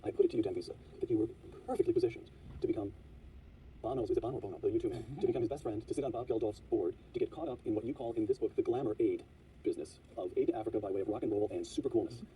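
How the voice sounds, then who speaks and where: A man hosts an interview at a brisk pace, probing his guest and reading quotations aloud. His voice is dark and fairly low. He sits back from the mic, with a faint hiss in the recording. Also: distant mic. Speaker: interview host. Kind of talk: interview questions.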